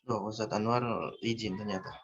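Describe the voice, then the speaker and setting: A man teaching a recitation lesson over an online call. He explains patiently, step by step, and slows down to model each word. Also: lowish voice, fairly even intonation, breathy edge, lo-fi sound. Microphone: video call.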